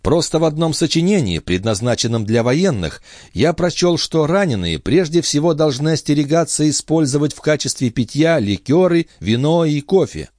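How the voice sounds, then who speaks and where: A man's voice: fairly high pitch, animated, moderate pace, a little mellow, dry recording, studio quality, pitched above the performer's own voice, close to an everyday voice. A man voicing a proud, earnest young man who speaks politely and formally. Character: proud earnest male youth, bookish.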